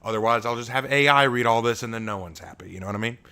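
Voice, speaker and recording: A deep-voiced man, an author, chats casually with his stream viewers before reading the prologue of his own fantasy novel aloud. He talks in a rapid-fire yet smooth way, with fillers and restarts along the way.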